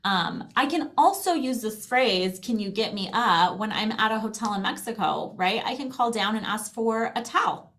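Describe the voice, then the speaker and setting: Animated and a little high-pitched, a middle-aged American woman's slightly bright voice proceeds at a moderate pace. As presenter and guest, she gives a casual, chatty and encouraging demonstration of a language program.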